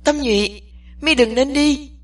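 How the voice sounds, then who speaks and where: A woman's voice: sits high, unhurried, recorded from a distance, pitched above the performer's own voice. A woman voicing an anxious young woman who pleads urgently with her best friend in an audiobook. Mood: pleading.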